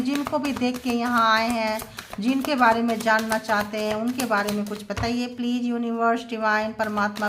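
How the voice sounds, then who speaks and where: A tarot reader, a woman with a fairly high voice, talks her viewers through a channelled reading. She moves easily between languages and slows right down when she reads out a message in English. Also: noisy background. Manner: mixes English phrases into Hindi, reads out slow English messages.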